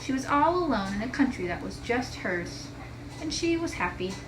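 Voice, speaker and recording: A woman teacher reads a children's story aloud expressively in a sing-song, high-ish voice at a moderate pace. She's far from the mic in an echoey room with clear background noise.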